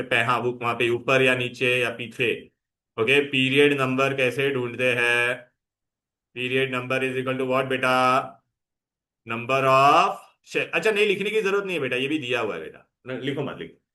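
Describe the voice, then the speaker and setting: A male teacher lectures a live class with a bright, forceful edge to his voice. He coaxes the students along and checks in with them often. The talk stays at an ordinary middle pitch. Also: fairly even intonation, normal speed. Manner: coaxing, calls students "beta", mixes Hindi and English. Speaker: chemistry teacher.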